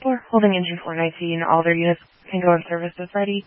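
A fire dispatcher giving brisk, routine emergency radio traffic over a walkie-talkie. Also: mid-range voice, steady tone, no room sound. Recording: tinny dry two-way radio.

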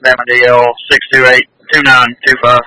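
A man's voice: mid-range voice, monotone, normal speed, sharp tone, dry recording, low-quality recording. A man calling in over a two-way radio, reading out numbers in a clipped call and repeating them.

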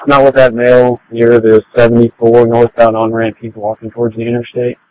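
A man's voice: mid-range voice, completely flat delivery, a little fast, darkish tone, no room sound, highs cut off. A male police officer reporting in over a police radio transmission, in terse, clipped radio codes.

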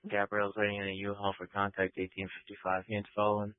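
A male police dispatcher reading out radio calls in clipped, rapid call codes over a police radio transmission. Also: on the low side, completely flat delivery, clear, resonant tone, no room sound. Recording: tinny narrowband radio, dry.

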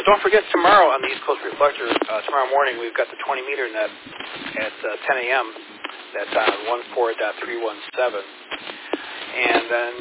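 A man hosting a ham radio net as net control, chatting in a relaxed, rambling way, heard over a radio transmission. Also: medium pitch. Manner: relaxed and rambling, with frequent uh's. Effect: radio transmission with heavy static. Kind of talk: casual radio net chat. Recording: tinny radio with loud static hiss.

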